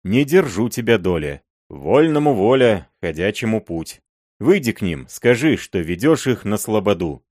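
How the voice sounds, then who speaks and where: A man's voice: fairly low pitch, sing-song, normal speed, a little mellow, dry recording, studio quality. A man voicing a shrewd, blunt older robber chief who talks in an earthy, folksy way. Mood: gruff persuasion.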